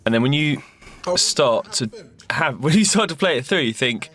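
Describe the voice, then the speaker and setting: A man's voice: mid-range voice, lively intonation, moderate pace, fairly bright tone. An English man co-writing a sitcom, chatting casually through an audio commentary and telling anecdotes with a self-deprecating humour. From England. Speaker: co-writer giving audio commentary.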